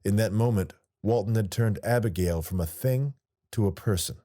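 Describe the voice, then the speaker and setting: A man's voice: lowish voice, normal speed, mellow. A man, the author, narrating his own audiobook in a wry first-person storytelling manner.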